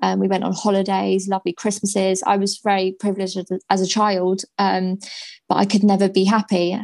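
A woman in her twenties telling her own story as a podcast guest, slow and hesitant with many ums. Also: medium pitch, completely flat delivery, creaky, darkish tone, no room sound. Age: 20s. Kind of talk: candid personal story in a podcast interview.

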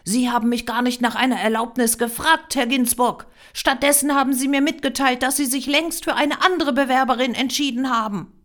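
A woman's voice: medium pitch, expressive, moderate pace, pitched above the performer's own voice, lightly acted. A woman reading a German story voices a proud, indignant young woman applying as a model, speaking emphatically with a raised voice. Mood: accusing.

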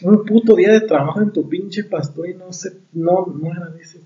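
Young Mexican man, casual storyteller who swears a lot, warm higher voice, heard from far off. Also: moderate pace, muffled recording. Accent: Mexican Spanish. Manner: slangy, profane, animated storyteller.

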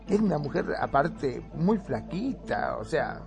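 A man with a Rioplatense Spanish accent, chatting casually as co-host and telling a story in a lively way. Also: on the high side, unhurried, creaky, soft background music. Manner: animated storyteller, acts out quoted shouts. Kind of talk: casual chat.

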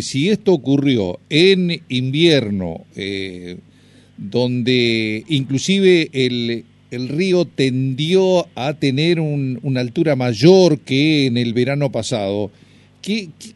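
An Argentine man hosts a radio interview at a middle pitch. He puts his questions in a measured, conversational way, with a few fillers along the way. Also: no echo. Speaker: radio host.

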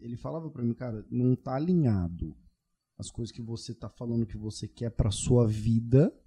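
Mellow-voiced man, slangy and loose. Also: mid-range voice, normal speed, husky. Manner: slangy, swears freely, animated storytelling. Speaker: podcast co-host. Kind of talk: casual chat.

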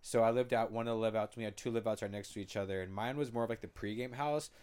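Low-voiced young man telling a college story. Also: steady tone, fast, darkish tone, clear, resonant tone. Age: young adult. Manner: blunt, joking storyteller. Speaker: podcast co-host. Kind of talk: casual chat.

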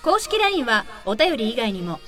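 A woman's voice: on the high side, big pitch swings, moderate pace, pushed and bright, faint music behind. A woman co-hosting a podcast, reading scripted show announcements in polite, formal phrasing. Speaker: podcast co-host.

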